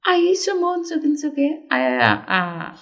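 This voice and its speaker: A middle-aged Brazilian woman with a Brazilian Portuguese accent, a podcast guest chatting casually and telling anecdotes lively, acting out the quoted voices. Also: high voice, brisk. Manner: animated storyteller, acts out quoted voices. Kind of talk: casual chat.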